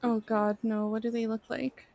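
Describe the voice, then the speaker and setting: Woman, role-play character, gravelly creak in her voice, chatty and friendly. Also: a little high, flat delivery, moderate pace, a little mellow, muffled recording.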